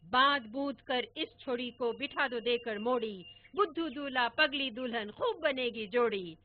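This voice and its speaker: Fields: Figure: playful old grandfather voiced by a woman. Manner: singsong rhyming teasing, slow and swooping. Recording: tinny and phone-like, faint hiss. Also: high voice, sing-song, exaggerated voice. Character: teasing old grandfather who rhymes jokes.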